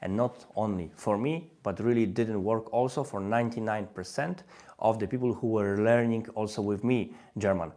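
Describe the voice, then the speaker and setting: Fairly low and dark in tone, at a moderate pace, speaks a Polish-accented man in his thirties leading a live-stream language lesson. In webinar fashion, he repeats phrases and encourages viewers to comment.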